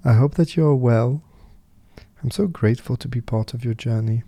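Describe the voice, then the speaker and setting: A man leads a guided meditation with affirmations, speaking softly and soothingly and leaving unhurried pauses. His voice is mid-range, and there is no echo.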